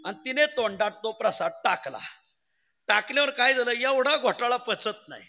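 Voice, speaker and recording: A man's voice: very high-pitched, lively intonation, normal speed, long reverb tail, music in the background. A man preaching a devotional kirtan sermon, telling stories with humour and chanting verses.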